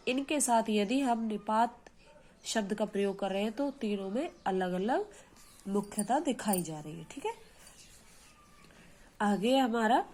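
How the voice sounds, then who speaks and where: A woman's voice: mid-range voice, a little mellow. A woman teacher giving a grammar lesson, explaining patiently and often asking her students questions. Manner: slow, patient explaining with frequent check-in questions. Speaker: school teacher.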